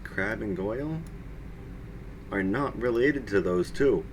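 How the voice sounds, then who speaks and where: A man's voice: on the low side, slow pace, background noise. A man reading fan fiction aloud on a live stream, with mocking asides, frequent laughter and swearing. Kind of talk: casual comedic dramatic reading.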